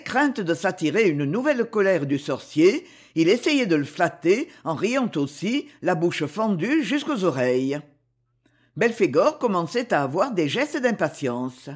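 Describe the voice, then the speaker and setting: Expressive high-voiced male narrator. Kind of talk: audiobook narration.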